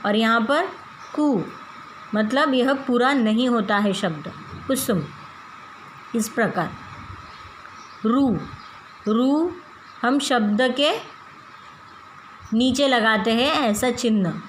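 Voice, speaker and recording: A woman's voice: fairly high pitch, slow pace, pauses often, a little hiss or hum, rough recording. A woman teaching a grammar lesson to children, patiently spelling out syllables one at a time.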